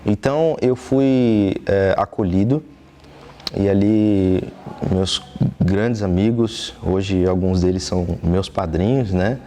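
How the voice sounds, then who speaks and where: A young man from southeastern Brazil with a Brazilian Portuguese accent, answering interview questions earnestly in a TV studio, pausing often with fillers. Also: low voice, warm tone. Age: young adult. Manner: earnest, thoughtful, with frequent hesitation fillers. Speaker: interview guest, trumpeter.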